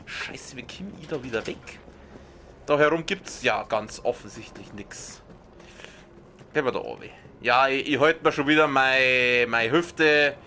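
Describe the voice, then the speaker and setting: A man with a Bavarian accent doing excited, swearing let's play commentary on a horror game, often yelling and yelping. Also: medium pitch, a little slow, a little hiss or hum.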